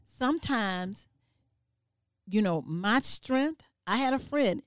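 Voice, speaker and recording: Loud, passionate high-voiced woman podcaster. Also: lively intonation, slow, clear, resonant tone, no echo, studio quality. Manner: loud, passionate, emphatic, swings between shouting and low asides. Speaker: podcast co-host. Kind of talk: heated casual panel chat.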